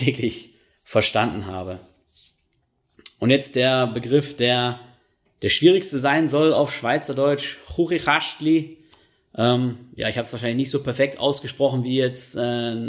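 Chatty man hosting a podcast. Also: mid-range voice. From Germany. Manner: chatty, many fillers and self-corrections. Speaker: podcast host. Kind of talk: casual monologue.

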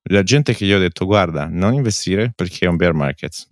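A man's voice: sits low, expressive, fairly quick, no echo, studio quality. A man co-hosting a podcast, chatting casually and bluntly and dropping English phrases into his talk. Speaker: podcast co-host. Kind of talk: casual chat, informal commentary.

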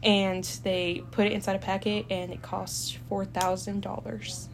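A student guest in her young adult years, originally from El Salvador with Spanish as her native language, talks in a chatty, unhurried way. Her pitch is medium with little variation, she uses lots of fillers and laughs easily, and there's a bit of hiss or hum.

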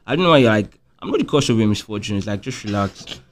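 A man's voice: on the low side, animated, quick pace. A man, co-hosting a podcast in casual chat. He laughs often and rambles loosely with lots of fillers. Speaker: podcast co-host.

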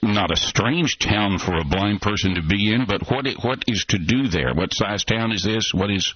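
A man's voice: fairly low pitch, normal speed, lo-fi sound. A man in his sixties hosting an interview in a folksy, chatty way, teasing himself now and then. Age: 60s. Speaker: interview host. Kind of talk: casual interview.

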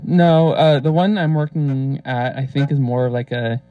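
A man's voice: medium pitch, unhurried, no room sound. Young man on a pilot-intercom karaoke mic. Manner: hesitant, short answers. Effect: muffled karaoke-machine mic, like a pilot on an intercom. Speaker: podcast co-host. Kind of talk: casual chat. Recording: dull lo-fi karaoke mic, dry.

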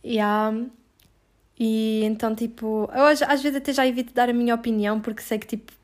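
A woman's voice: a little high, steady tone, a little fast. A woman answering interview questions in a casual, blunt way, full of filler words.

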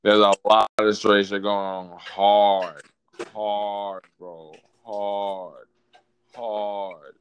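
A man's voice: fairly low pitch, flat delivery, drawn-out words, smooth, rough recording. A young American man debating casually in slangy frat-bro talk, swearing and stammering over repeated words.

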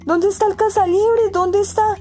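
A woman's voice: a little high, lively intonation, a little slow, a little mellow, soft background music. Grumpy know-it-all bunny, as a woman puts him on. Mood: startled. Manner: grumbling, know-it-all scolding. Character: grumpy, arrogant little male rabbit. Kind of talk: storybook reading.

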